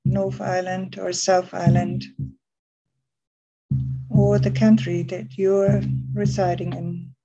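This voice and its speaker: A woman leads a guided meditation very unhurriedly, with soothing short phrases and long gaps. Her voice is soft, breathy and mellow, and the recording sounds slightly muffled. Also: fairly low pitch, flat delivery, slow pace, pauses often, faint music behind.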